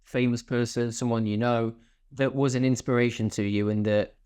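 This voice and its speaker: A man's voice: mid-range voice, steady tone, normal speed, a little mellow, smooth. A man hosting a podcast, asking curious questions and sharing his own experiences in casual conversation. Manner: curious, affirming listener. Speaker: podcast host.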